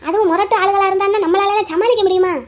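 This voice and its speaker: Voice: very high voice, fairly even intonation, rapid-fire. A voice actor playing a stern older neighbour woman in a cartoon, who lectures and scolds. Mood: scolding. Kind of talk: cartoon voice acting.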